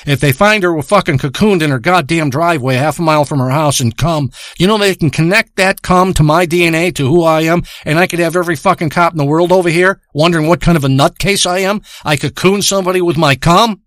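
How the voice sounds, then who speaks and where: A man telling a crude, rambling comic story with deadpan tangents and heavy profanity. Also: fairly high pitch, fast, few pauses, dry recording, clean studio sound. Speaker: comedic storyteller.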